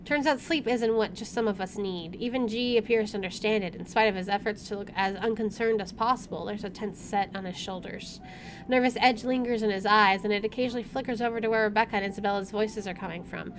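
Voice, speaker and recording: With game music playing and slight background noise, a woman YouTuber doing a let's play reads the story text expressively at a quick pace. Her voice is mid-range, and she mixes in informal side comments.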